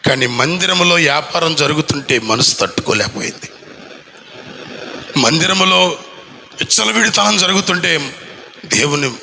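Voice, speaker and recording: A male pastor preaching a sermon at a church anniversary, with fervent repeated rhetorical questions and long drawn-out lines. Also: a little high, lively intonation, vocal fry, bright, forceful tone, a little hiss or hum, low-quality recording. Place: church anniversary gathering in a village.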